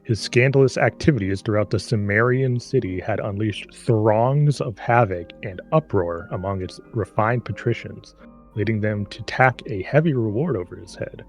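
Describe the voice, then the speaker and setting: A man's voice: lowish voice, faint music behind. A man co-hosting a live stream, reading a book aloud with sarcastic, swearing commentary. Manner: sarcastic, swears, stumbles and reads haltingly. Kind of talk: comic read-aloud with running commentary.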